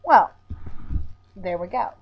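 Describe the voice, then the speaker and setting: A woman's voice: mid-range voice, animated, takes it slowly, muffled recording, a little hiss or hum. A woman giving a dramatic spoken reading with casual, blunt, opinionated asides in an informal manner. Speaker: video host performing a reading of song lyrics.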